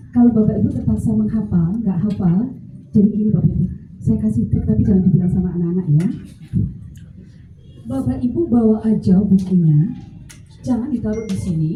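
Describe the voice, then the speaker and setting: A woman with a Javanese accent giving an animated, joking workshop talk to teachers. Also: mid-range voice, narrow, tinny audio. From Central Java. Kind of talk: lively lecture to an audience. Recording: echoey hall, mic at a distance, faint noise.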